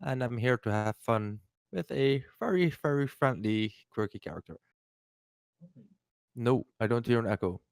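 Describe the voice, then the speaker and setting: A man who runs games and plays in the community, speaking calmly and helpfully. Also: mid-range voice, moderate pace, creaky, no room sound, clean studio sound. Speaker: game master and player in the community.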